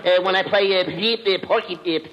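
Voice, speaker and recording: A man's voice: high voice, a little fast, fairly bright tone, lo-fi sound. A man voicing a stuttering cartoon pig, repeating words in a heavy stammer, on a 1940s radio broadcast.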